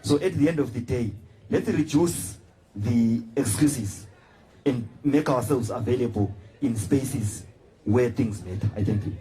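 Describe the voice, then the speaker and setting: A man's voice: medium pitch, a little slow, mellow, poor audio. A man speaking on a panel. He speaks in an earnest, admonishing way and uses occasional fillers. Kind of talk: panel discussion remarks.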